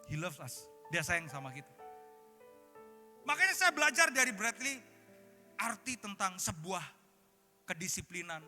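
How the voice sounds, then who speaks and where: A male pastor preaching a sermon, telling animated family stories and dropping into English phrases. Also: high voice. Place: large conference hall. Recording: echoey conference hall with music.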